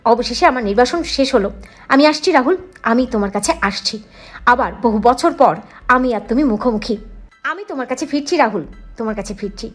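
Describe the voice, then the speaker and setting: A woman's voice: on the high side, animated, fast talker, faint music behind. Young woman returning home, dreamy and longing; a woman reads her. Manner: dreamy, longing inner monologue.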